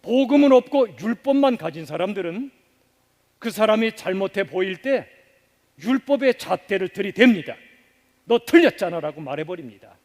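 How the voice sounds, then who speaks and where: High-voiced male pastor, church reverb. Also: expressive, normal speed. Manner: asks the congregation questions and leads them in repeating phrases; emphatic, swings from loud stresses to soft, hushed endings. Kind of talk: sermon. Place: church sanctuary. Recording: long reverb of a church sanctuary.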